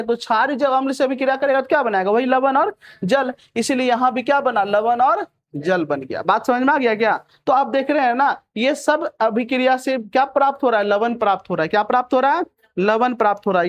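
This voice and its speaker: A young male teacher teaching chemistry. He asks a question, answers it himself, repeats the key words and keeps checking that the students understand. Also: very high-pitched. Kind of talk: chemistry lesson.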